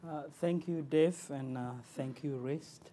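A man in his thirties from South Sudan giving a halting, earnest keynote speech at a conference lectern. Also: fairly high pitch, warm tone, slight background noise. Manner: halting and earnest, with many "uh" pauses. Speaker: foundation director. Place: large conference hall stage. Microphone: lectern microphone.

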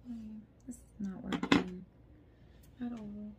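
This beauty vlogger is a woman in her thirties who sounds a bit stuffed up, talking slowly at a medium pitch with fairly even intonation. She giggles and chats as she does her makeup indoors at home, the camera right in front of her. Heavy background noise runs underneath.

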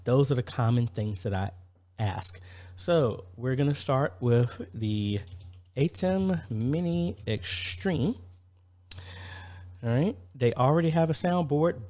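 This church AV installer and vlogger, a man in his thirties, speaks at a medium pitch with an unhurried, warm tone. His delivery is informal and practical, like a casual vlog where he thinks aloud while walking through an installation.

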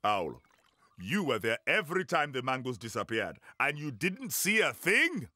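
A man voicing a stern but fair lion king in a children's cartoon, commanding and measured. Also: mid-range voice, very animated, bright, forceful tone, dry recording, full character voice. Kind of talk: cartoon voice acting.

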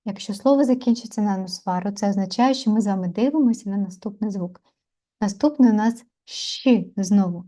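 A woman gives a pronunciation lesson in a mellow, relaxed voice. She breaks words into syllables and repeats each one slowly and carefully, pausing between them. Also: medium pitch. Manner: slow, careful repetition of syllables with pauses. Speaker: Sanskrit pronunciation teacher. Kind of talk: online lesson, explaining and demonstrating sounds.

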